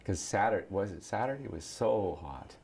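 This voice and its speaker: A man hosting a morning interview show, chatty and animated, his voice hoarse and scratchy today. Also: low-pitched, brisk. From Saskatchewan. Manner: lively, chatty, animated questioning. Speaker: show host.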